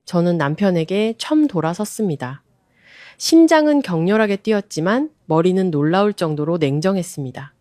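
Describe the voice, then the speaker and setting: Woman reading a radio drama, steady and firm, lowish voice, dry close sound. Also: moderate pace, no room sound. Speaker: narrator.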